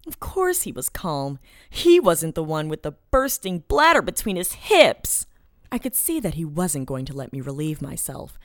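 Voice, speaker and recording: Expressive woman storyteller, dropping to whispers. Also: deep voice, dry recording, clean studio sound. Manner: often drops into a hushed whisper mid-sentence; dramatic, expressive reading. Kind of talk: first-person story narration.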